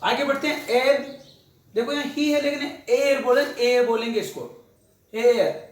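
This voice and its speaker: High-pitched man teaching in an echoey room. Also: fairly even intonation. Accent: Indian English. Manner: addresses students fondly, repeats words slowly for drill. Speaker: English teacher. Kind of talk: grammar lesson.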